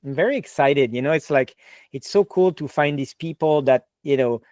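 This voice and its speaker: A man's voice: on the high side, moderate pace, a little mellow, no room sound, clean studio sound. A man with a French accent hosting a podcast interview, chatty and enthusiastic, full of "like" and "you know". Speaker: podcast host. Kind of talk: casual interview chat.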